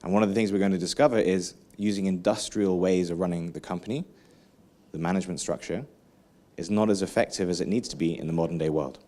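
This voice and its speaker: Man, keynote speaker, lively and engaging, fairly low voice. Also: fast talker. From England. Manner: lively, engaging, asks the audience questions, frequent "right?". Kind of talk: energetic conference keynote.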